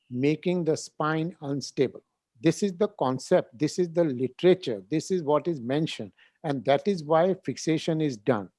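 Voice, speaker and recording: A senior neurosurgeon, insistent and lecturing in a heated panel discussion, repeating phrases for emphasis. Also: male voice, fairly high pitch, a little mellow, dry recording.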